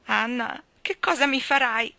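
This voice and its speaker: Female narrator doing a small naughty boy, pleading and emphatic, pitched up, louder, bright and dry. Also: a little slow, vocal fry, no room sound, full character voice. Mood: anxious. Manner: pleading, emphatic childlike delivery. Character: small boy, mischievous, contrite and earnest. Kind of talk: audiobook reading.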